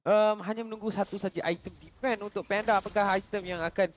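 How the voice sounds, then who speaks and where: Fast, high-voiced Malaysian male esports analyst. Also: steady tone. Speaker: esports match commentator. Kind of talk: live analytical commentary.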